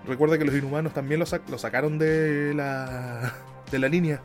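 A man's voice: a little high, fairly even intonation, normal speed, faint music behind. A man from Chile with a Chilean Spanish accent, hosting a casual podcast chat, laughing often and trailing off mid-sentence. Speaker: podcast host.

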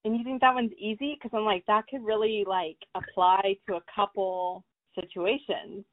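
A woman's voice: mid-range voice, level tone, moderate pace, dry recording. A woman co-host chats casually about books and thinks aloud, leaning on "like" as she works out her guesses. Her voice comes through thin and phone-like. It sounds dry and close. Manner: chatty, thinks aloud with many "like"s. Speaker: podcast co-host. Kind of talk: casual book podcast chat. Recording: tinny phone-like dry audio.

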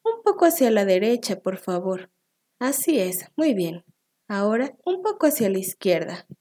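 A woman's voice: mid-range voice, very animated, moderate pace, warm tone. A woman voicing a small, clever male piglet who sighs, squeals and politely coaxes in a storybook reading. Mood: sly, content. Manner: sighing, squealing, sweetly persuasive.

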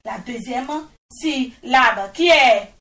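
A woman teaching young pupils, speaking slowly and deliberately, repeating each answer back and praising often. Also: on the high side, lively intonation, fairly bright tone, far from the mic. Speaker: primary school teacher. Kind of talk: slow, deliberate classroom instruction. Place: classroom with pupils. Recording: echoey room, voice off-mic.

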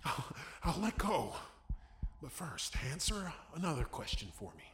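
Cruel, slow-talking stranger who whispers and mocks; echoey room, audible noise. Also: male voice, on the high side, very animated, a bit bright. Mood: sly. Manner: sly, mocking, drops to whispers, laughs to himself. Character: menacing adult male stranger, taunting and cruel. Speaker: villain. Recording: roomy echo with clear background noise.

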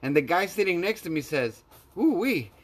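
Higher-voiced man swapping stories casually. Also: animated, brisk. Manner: slangy, heavy swearing. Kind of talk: casual storytelling and chat.

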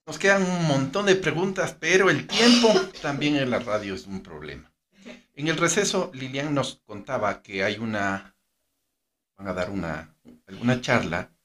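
A man hosting a radio interview, asking questions in a relaxed, friendly way. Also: mid-range voice, moderate pace. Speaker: radio host. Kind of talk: interview conversation.

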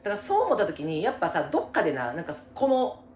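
A woman's voice: lowish voice, huge pitch swings, fast, darkish tone. A woman with a Kansai accent chatting casually as a co-host giving advice, empathetic and emphatic, often chiming in with agreement. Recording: echoey room with faint background noise.

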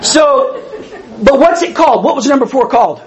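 A man's voice: extremely high pitch, lively intonation, normal speed, a crowd in the background, low-quality recording. A man in his fifties with a wheezy voice, preaching conversationally and emphatically, repeating key phrases and putting questions to his listeners. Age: 50s. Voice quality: wheezy breathing from a past tracheotomy. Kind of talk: animated conversational sermon to a congregation.

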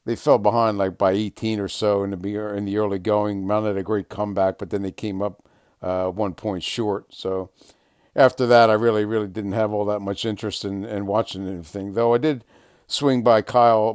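Older man hosting a sports podcast, clear and dry. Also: on the low side, no room sound. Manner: relaxed, rambling, frequent uh fillers. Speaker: podcast host. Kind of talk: casual sports podcast monologue.

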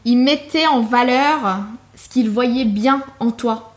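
A woman interviewer with a slightly high voice leads a relaxed conversation. She drops in quick affirmations and often completes her guest's thoughts. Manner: supportive, quick short affirmations, finishes the guest's sentences.

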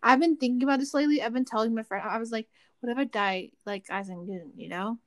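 A woman's voice: fairly high pitch, fast talker, dry recording. A young woman co-hosting a podcast, joking and swearing a lot in casual chat. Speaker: podcast co-host.

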